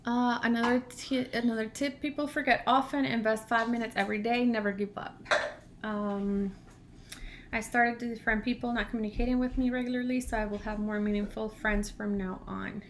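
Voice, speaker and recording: Brief: native Spanish-speaking woman vlogger, lively chatty delivery, slightly high voice, faint background hiss. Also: moderate pace. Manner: chatty, animated storytelling. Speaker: channel host, language learner. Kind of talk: casual vlog chat.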